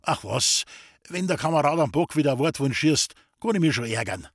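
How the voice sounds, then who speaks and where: A gruff old forester, as a storyteller puts him on, husky and brusque, his pitch jumping about as he grumbles and questions. The recording is dry and close. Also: animated, brisk, dry recording. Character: gruff older Bavarian forester, father.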